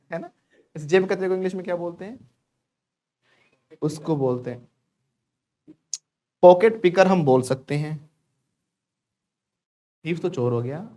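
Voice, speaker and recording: A man from India teaching a lively spoken-English class in Hindi. His voice sits a little high, and he jokes and coaxes the room to repeat phrases after him. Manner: animated, joking, coaxing the class to repeat.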